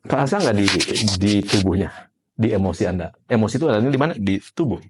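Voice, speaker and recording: A man's voice: fairly low pitch, expressive, quick pace, a little mellow, breathy edge. A man giving a conversational classroom lecture as an NLP trainer, quizzing participants by name and explaining with everyday examples.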